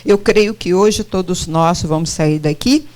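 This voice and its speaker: A woman's voice: lowish voice, a little slow. A middle-aged woman giving a spiritist lecture, often putting questions straight to her audience. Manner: animated, questions the audience directly.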